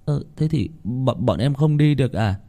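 A man voicing three excitable teenage boys who talk cheekily and stammer when nervous. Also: mid-range voice, moderate pace, gravelly, voice pushed up. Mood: cheeky.

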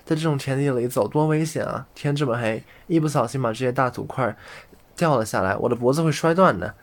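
A man's voice: medium pitch, brisk, lightly acted. A man voicing a cheeky thumb-sized boy. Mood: chatty. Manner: cheeky, shouting loudly.

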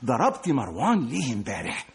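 A mocking, jittery Egyptian brother. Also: male voice, medium pitch, huge pitch swings, quick pace. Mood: mocking, agitated. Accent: Egyptian Arabic. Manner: sarcastic, shifting between laughter and whining. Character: Ayman, a nervous, mocking brother under police questioning. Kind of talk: Egyptian radio drama.

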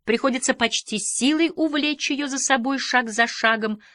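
A woman reading a literary novel aloud in a measured, reflective audiobook style. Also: high-pitched, a bit bright, no echo, clean studio sound. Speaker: audiobook reader.

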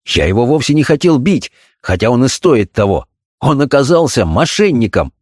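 A man's voice: medium pitch, sing-song, moderate pace, slightly rough, in a large hall, voice pushed up. Man playing a distraught, anguished doctor. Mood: agitated. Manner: agitated, near tears, shouting. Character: distraught middle-aged doctor and father, anguished.

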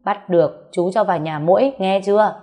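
A woman voicing a kind young village man who gently coaxes a frightened little girl in a storybook reading. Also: mid-range voice, fairly quick, close to an everyday voice. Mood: gentle coaxing. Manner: gentle, coaxing questions.

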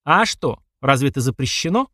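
A man's voice: a little high, big pitch swings, fast, no echo, clean studio sound, pitched above the performer's own voice. A man voicing a bold, cheeky teenage girl in an audiobook, talking brashly and mockingly.

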